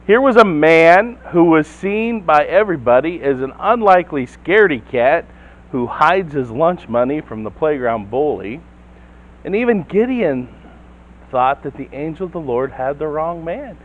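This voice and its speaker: Storytelling male pastor, slightly high voice. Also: lively intonation, moderate pace, rough recording. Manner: storytelling, acts out quotes, asks the listeners questions. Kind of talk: sermon. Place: church.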